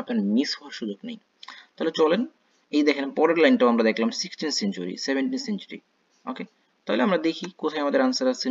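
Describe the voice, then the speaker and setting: Man teaching an exam class, husky voice. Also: mid-range voice. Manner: brisk and coaxing, mixes English words into Bengali, reads English aloud slowly. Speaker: English test teacher. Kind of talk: online class lesson. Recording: dull lo-fi sound.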